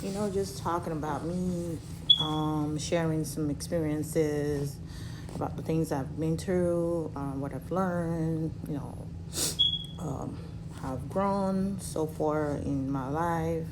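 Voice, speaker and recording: A woman in her thirties from Cameroon, telling her own story to her viewers in a halting way with many fillers, while recovering from surgery. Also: low-pitched, fairly even intonation, very noisy. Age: 30s. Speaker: vlogger.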